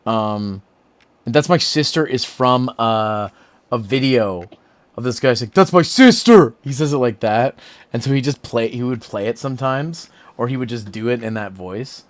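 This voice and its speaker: A male streamer chatting casually over a game, laughing often and rambling with animated energy. His voice sits mid-range and sounds dry and close. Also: medium pitch, moderate pace, no echo.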